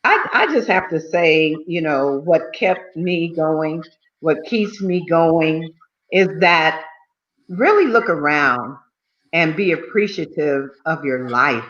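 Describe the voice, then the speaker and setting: A woman's voice: low-pitched, animated, takes it slowly, a bit bright. Chatty 70s lady guest rambling on, lots of you-knows, dull lo-fi sound. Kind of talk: casual talk-show interview.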